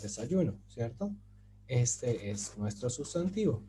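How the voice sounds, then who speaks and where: A man's voice: mid-range voice, sing-song, slow pace, warm tone, a little hiss or hum. A man giving an online grammar lesson, explaining patiently with many fillers and asking his students if they follow. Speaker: Turkish teacher.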